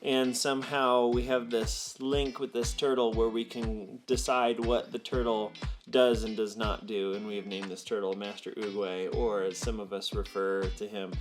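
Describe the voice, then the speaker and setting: A young man co-hosts a student ministry video in casual conversation, upbeat as he reads a choose-your-path story aloud before moving into teaching. His voice is fairly low and level at a normal speed, with music in the background.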